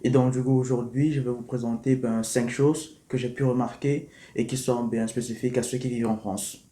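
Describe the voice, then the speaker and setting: A man from Africa talking to camera in a vlog, explaining things in an unhurried, hesitant way. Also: medium pitch, fairly even intonation, dark tone, slight background noise. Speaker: vlogger. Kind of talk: casual explanatory vlog talk. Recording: echoey room with faint music.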